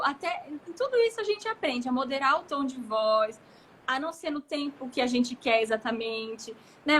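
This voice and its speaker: A Brazilian woman in her thirties talks expansively as a guest in a live chat, her voice high and bright. She tells stories with animated energy, over a faint hiss of noise. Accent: Brazilian Portuguese. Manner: expansive, gesturing, animated storytelling. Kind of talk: casual live conversation.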